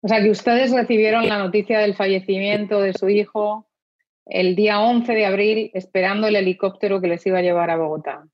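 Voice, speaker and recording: A woman interviewer asking calm, gentle questions. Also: mid-range voice, a little fast, muffled recording.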